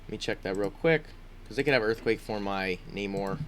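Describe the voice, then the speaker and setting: A gaming YouTuber with a congested, sniffly voice thinks aloud while casually commenting on his gameplay, full of ums and restarts. His voice is on the low side and brisk, with slight background noise.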